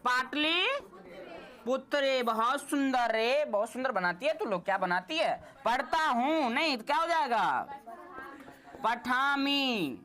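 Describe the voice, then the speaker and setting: A woman's voice: sits high, animated, measured pace, fairly bright tone. A woman teaching a Sanskrit class, quizzing and teasing her students.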